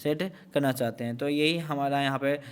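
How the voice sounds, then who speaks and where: A man's voice: mid-range voice, normal speed, clean tone. A man teaching a revision lecture for teacher-training exams, explaining step by step and mixing English terms into his talk.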